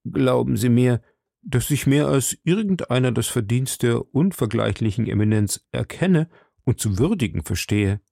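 A man's voice: mid-range voice, lively intonation, moderate pace, gravelly, dark tone, no room sound, clean studio sound. A man voicing a timid, frightened middle-aged male shopkeeper who speaks hesitantly and pleads anxiously.

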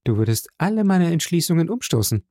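A man's voice: fairly high pitch, sing-song, a little fast, a little mellow, no room sound, clean studio sound, voice pushed up. A man voicing an anxious, grieving noble mother in an audiobook reading. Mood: sorrowful.

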